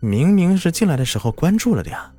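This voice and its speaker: A weary young woman clerk, voiced by a male narrator, asks nervous questions in a raised, bouncy tone. Quiet music runs beneath her lines in the audio story. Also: a little high, very animated, normal speed, pitched above the performer's own voice. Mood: puzzled. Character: young female office worker, timid and weary.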